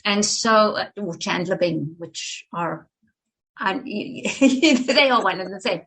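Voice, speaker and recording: Her voice has a medium pitch and a slightly bright tone as this older South African woman, whose accent sounds polished and English, talks slowly with lively intonation. She's an animated, theatrical interview guest who keeps restarting her sentences. The recording is rough.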